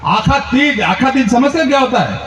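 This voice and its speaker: High-voiced man telling comic stories. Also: fairly quick. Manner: animated, mimics relatives in high squeals. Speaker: comedian poet. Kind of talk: stand-up comic storytelling. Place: large event stage. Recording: roomy far-off lo-fi stage recording.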